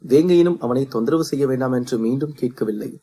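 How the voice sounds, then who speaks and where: Steady, husky-voiced man narrating a story. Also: medium pitch, fairly quick.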